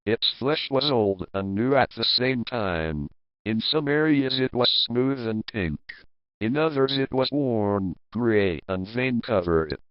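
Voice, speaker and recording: A man reading a first-person horror story aloud in a slow, measured narration. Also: medium pitch, smooth, no echo, lo-fi sound.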